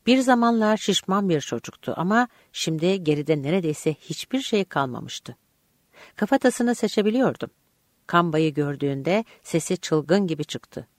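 An audiobook narrator reading a first-person story aloud in an expressive, vivid way. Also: medium pitch, moderate pace, dry recording.

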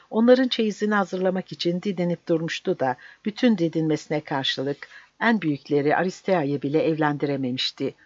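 A narrator giving a steady, measured audiobook reading. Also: medium pitch, no echo. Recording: dull dry recording.

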